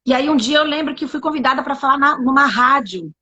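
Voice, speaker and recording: High-voiced Brazilian woman telling a story. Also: quick pace. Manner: animated storyteller, acts out dialogue. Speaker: interview guest. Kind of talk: casual testimony interview.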